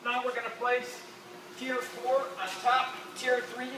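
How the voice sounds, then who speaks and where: Speaking a little slowly in a very high pitch, a man keeps his delivery completely flat as he explains an assembly step by step in an informal, practical way. This instructional narration comes from a noisy room, with the microphone distance changing.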